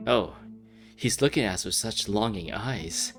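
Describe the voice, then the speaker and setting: Female game commentator, very deep for a woman, swooping intonation, silly and casual. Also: lively intonation, a little slow, soft background music. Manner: playful, silly asides. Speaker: game streamer. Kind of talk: casual game commentary with dialogue read-along.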